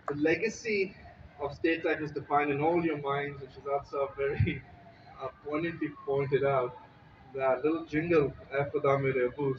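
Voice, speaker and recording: A man, an insurance executive, giving a measured, formal speech at a signing ceremony. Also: on the high side, distant mic, lo-fi sound, background noise. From Pakistan.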